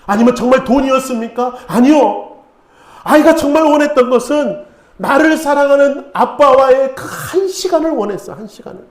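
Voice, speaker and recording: A man's voice: very high voice, normal speed. Middle-aged pastor guy preaching, tells stories, asks the crowd questions, echoey church. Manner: storytelling, rhetorical questions. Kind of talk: sermon. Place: church sanctuary.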